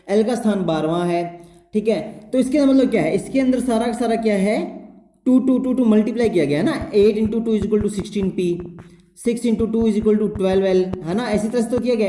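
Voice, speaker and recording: A man's voice: sits high, warm tone. A man teaching reasoning for exams at a whiteboard. He works through each step and keeps checking that the viewer is following. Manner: step-by-step explaining, keeps checking with "theek hai". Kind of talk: whiteboard exam-prep lesson. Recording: echoey room with faint noise.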